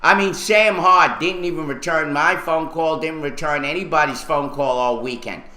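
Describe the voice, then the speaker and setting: A man's voice: on the high side, normal speed, sharp tone, roomy sound, poor audio. A man hosting a radio talk show, ranting angrily and swearing at local officials. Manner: furious, profane, ranting. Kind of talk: angry on-air rant.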